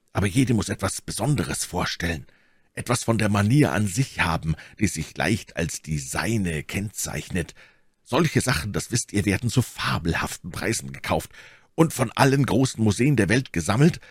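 A man voicing a calm, scheming young male painter who explains his plan earnestly and persuasively. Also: lowish voice, husky, dry recording, clean studio sound.

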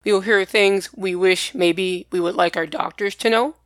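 A woman presents a podcast in a mid-pitched voice. She talks plainly and directly to her listeners, as if from prepared notes. The sound is close and dry, with very little room. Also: fairly even intonation, measured pace, dry recording. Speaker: podcast host. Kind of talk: personal podcast talk to listeners, partly scripted.

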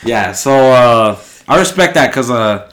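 A man's voice: mid-range voice, expressive, a little slow, a bit bright. A young man co-hosting a podcast in casual chat, talking like a slangy, crude frat bro. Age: young adult. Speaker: podcast co-host.

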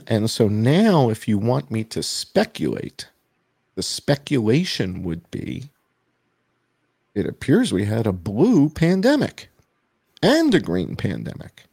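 A man's voice: medium pitch, wildly swooping pitch, takes it slowly, vocal fry, darkish tone, breathy edge, no echo, clean studio sound. A man speaking over a video call as an interview guest, walking through data slides and repeating his main points for emphasis. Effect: heard over a video call. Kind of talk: explanatory interview talk.

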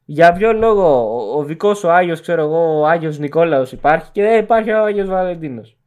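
A man's voice: fairly high pitch, highs cut off. A man co-hosting a casual podcast, talking animatedly. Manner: animated, mocking outbursts. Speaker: podcast co-host. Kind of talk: casual chat.

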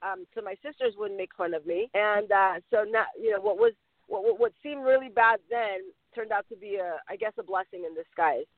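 Man from Mexico, high voice, earnest interview guest who keeps rephrasing; thin phone-line sound, dry. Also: sing-song, a little fast, creaky, no echo. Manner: earnest, circling back to rephrase. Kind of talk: conversational interview answers.

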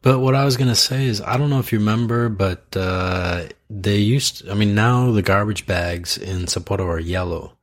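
Brief: low-voiced man, co-host, meandering chatty storyteller. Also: normal speed, few pauses. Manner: rambling storyteller, many fillers. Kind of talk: casual chat.

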